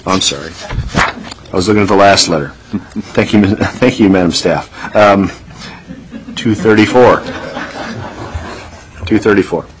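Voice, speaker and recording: A man's voice: lowish voice, measured pace, long pauses, slight background noise, poor audio. A man chairing a legislative committee hearing, speaking plainly with frequent ums.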